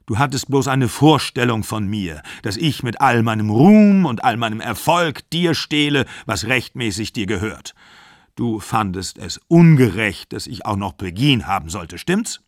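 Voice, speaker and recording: A man playing a furious, wounded aging actor in his sixties who shouts bitter accusations down the phone. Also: lowish voice, expressive, measured pace, dry recording, clean studio sound.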